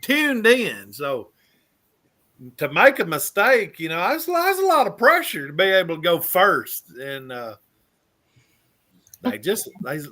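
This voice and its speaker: A man's voice: high voice, huge pitch swings, slow, pauses often, bright, forceful tone. A man from Mississippi with a Southern accent, telling his story in a folksy, casual way. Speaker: guest sharing his story.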